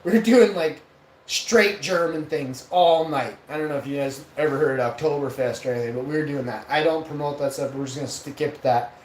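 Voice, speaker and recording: A vlogger host in his forties tells a rambling, profane story in a casual vlog, his slightly high voice moving fairly quickly. The recording sounds roomy, with a distant mic and faint noise.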